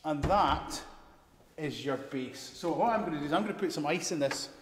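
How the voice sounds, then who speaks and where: A man's voice: fairly high pitch, animated, normal speed. Chatty Scottish man in echoey hall. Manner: chatty, instructive, jokey. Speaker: cocktail demonstrator. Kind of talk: live cooking demo chat. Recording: echoey hall, faint noise.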